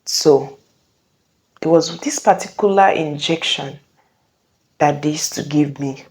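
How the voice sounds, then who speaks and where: A young woman with a low, mellow voice tells her own story to the camera. She speaks earnestly, pauses often, and corrects herself as she goes. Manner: earnest, halting, with frequent self-corrections. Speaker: vlogger sharing a personal testimony. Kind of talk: casual personal storytelling.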